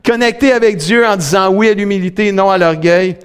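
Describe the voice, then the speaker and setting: A middle-aged pastor with a Québécois French accent giving a sermon, swinging between high, excited stretches and low, quiet ones, with many "là" fillers. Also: male voice, a little fast, smooth. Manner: fills with "là", talks directly to the congregation.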